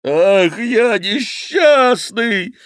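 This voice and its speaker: A man voicing a fat, cowardly male monk who wails and pleads loudly, in a high, drawn-out voice in an audiobook. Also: dry recording, clean studio sound, close to an everyday voice. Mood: wailing. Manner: wailing, pleading, loud lamenting.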